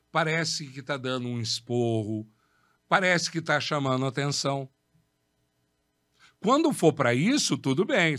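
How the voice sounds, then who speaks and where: A man's voice: fairly high pitch, a bit bright, no room sound. A man hosting a podcast, giving an instructive talk on public speaking, emphatic and repetitive, asking questions and answering them himself. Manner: emphatic, repeats key words, asks and answers his own questions. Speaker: podcast host.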